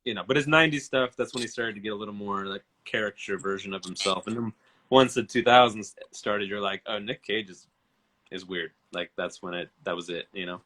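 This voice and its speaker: A man's voice: on the low side, steady tone, a little fast, sharp tone. A man in his thirties chatting on a live stream as a guest, rambling and enthusiastic with casual swearing. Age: 30s.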